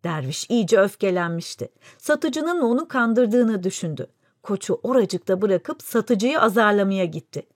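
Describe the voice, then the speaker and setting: A woman's voice: mid-range voice, animated, unhurried, dry recording. Woman telling a fable, dry close sound. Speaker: storyteller. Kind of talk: scripted fairy-tale narration.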